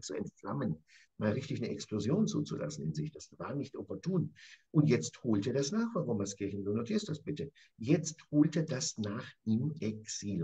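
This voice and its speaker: A man's voice: mid-range voice, mellow, breathy edge, dull audio. A man teaching a passionate Bible study, speaking emphatically and calling on his listeners by name. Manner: passionate, dramatic. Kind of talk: lively Bible study lecture.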